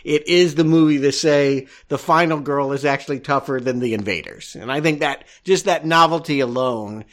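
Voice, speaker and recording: A man's voice: a little high, moderate pace, fairly bright tone. A man co-hosting a podcast, chatting casually as he reviews films. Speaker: podcast co-host. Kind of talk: casual film review chat.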